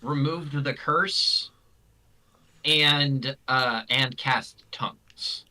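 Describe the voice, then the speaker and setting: A man narrating as game master of a tabletop game, halting and full of restarts. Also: medium pitch, sharp tone, low-quality recording.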